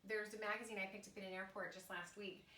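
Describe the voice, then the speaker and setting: A woman's voice: mid-range voice, little pitch movement, fast, pushed and bright. Chatty woman in her fifties, echoey room. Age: 50s. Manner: chatty, enthusiastic, rambling. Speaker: podcast host. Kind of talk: casual interview chat. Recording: echoey room, distant mic, faint noise.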